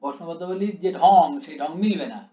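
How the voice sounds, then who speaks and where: A man's voice: sits high, brisk. A man teaching a class, explaining step by step and drawing out syllables to show how long they are. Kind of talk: classroom lecture. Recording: echoey room, dull lo-fi sound.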